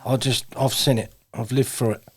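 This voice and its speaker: A man's voice: mid-range voice, little pitch movement, moderate pace, slightly rough. A man with a southeast English accent hosting an interview, talking earnestly and emphatically and calling his guest "bruv". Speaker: host. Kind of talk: supportive interview chat.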